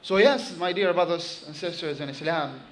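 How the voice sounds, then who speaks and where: A man preaching a sermon to his congregation, telling a story with animated emphasis and quickly reciting Arabic phrases. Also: a little high, a little hiss or hum, low-quality recording.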